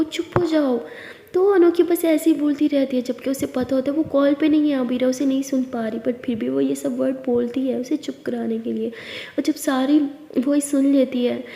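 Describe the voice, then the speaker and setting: A woman tells an audio love story with high, mellow tones and an expressive, emotional delivery. Her voice carries a roomy, reverberant echo with a long tail. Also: slight background noise.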